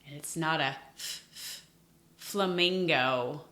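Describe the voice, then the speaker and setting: A woman teacher tutoring young children in phonics, sounding out letters expressively with exaggerated gasps and hushed asides. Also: lowish voice, expressive, slow pace. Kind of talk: children's lesson addressed to viewers. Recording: roomy echo.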